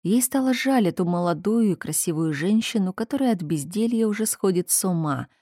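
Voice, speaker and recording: A woman narrating a story in a steady, measured reading voice. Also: medium pitch, no room sound, studio quality.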